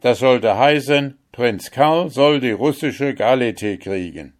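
A man voicing an old emperor in a fairy tale, loud and proclaiming. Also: mid-range voice, animated, takes it slowly, pitched above the performer's own voice. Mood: delighted. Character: old emperor, commanding and jovial.

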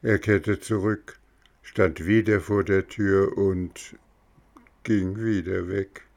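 A man reading a children's storybook aloud in a calm, measured way. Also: deep voice, gravelly. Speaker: narrator.

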